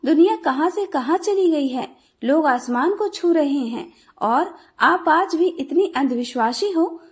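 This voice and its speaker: A woman's voice: high voice, expressive, a little slow. A woman playing a scornful young bride. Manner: mocking, dismissive. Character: scornful young rich daughter-in-law, proud nonbeliever.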